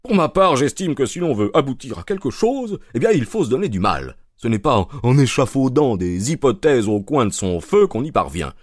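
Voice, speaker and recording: A man voicing a boastful middle-aged police inspector who talks indignantly and with a sharp tongue. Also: mid-range voice, very animated, normal speed, hardly any pauses, no room sound, clean studio sound, pitched above the performer's own voice.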